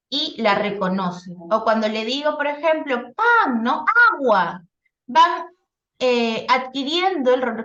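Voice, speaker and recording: Woman lecturing over an echoey call. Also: a little high. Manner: explanatory, frequent "¿no?" and "eh" fillers. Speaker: teacher and speech therapist. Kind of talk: live online workshop lecture. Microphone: video call. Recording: echoey lo-fi video call audio.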